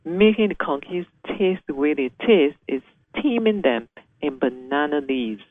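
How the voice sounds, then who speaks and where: A man's voice: a little high, animated, measured pace. A man hosting a radio interview, talking enthusiastically and emphatically. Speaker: radio host. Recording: phone-like radio sound.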